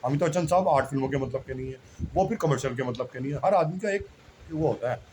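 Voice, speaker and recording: A religious speaker delivers a casual, rambling monologue in a fast, mid-range, slightly mellow male voice, on a rough recording with some hiss or hum. Humble and self-deprecating, he repeats himself and keeps addressing the listener as "bhai sahab," or brother.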